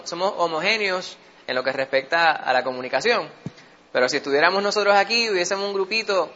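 A Puerto Rican man with a bright, fairly high voice leads a Bible study, talking it through like a chat and often asking listeners to agree. The recording sounds dull and lo-fi. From Puerto Rico. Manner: keeps asking listeners for assent. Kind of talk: conversational Bible teaching.

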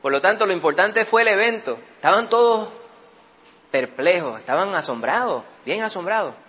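A Puerto Rican man with a bright, fairly high voice leads a Bible study, talking it through like a chat and often asking listeners to agree. The recording sounds dull and lo-fi. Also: animated, moderate pace. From Puerto Rico. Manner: keeps asking listeners for assent. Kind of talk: conversational Bible teaching.

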